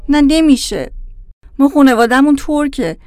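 Woman acting desperate young pregnant woman, pleading, emotional, high-ish voice, dry recording. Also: animated, darkish tone, no room sound. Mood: bitter. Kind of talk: audiobook drama acting.

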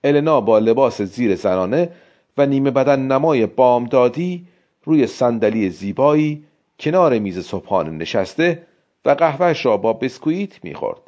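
A man narrating a story in the first person as an expressive audiobook reader. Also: mid-range voice. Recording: dull lo-fi recording.

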